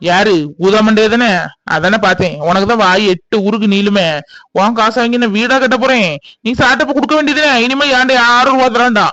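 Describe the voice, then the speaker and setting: A man voicing a sharp-tongued loan-group leader in a cartoon, mocking and scolding. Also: very high-pitched, fairly even intonation, a little fast, dry recording. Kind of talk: cartoon voice acting. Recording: dull lo-fi dry recording.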